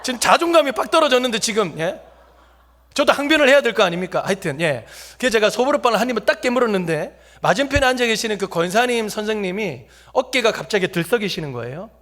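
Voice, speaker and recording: A man's voice: high voice, very animated, quick pace, a bit bright. A male preacher tells a funny story in a sermon and jokes directly with the congregation in a church. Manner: jokey, talks directly to the congregation. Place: church sanctuary.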